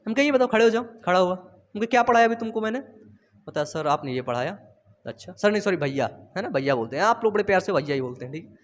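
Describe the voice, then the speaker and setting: A man's voice: high-pitched, expressive, fast. A young man teaching biology in a casual online lesson, chatty and teasing, repeating phrases. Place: home studio.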